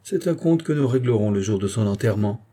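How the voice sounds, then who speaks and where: A man's voice: on the low side, lively intonation, fairly quick, dark tone. A man voicing a jovial country priest with a teasing, bantering manner. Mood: mocking.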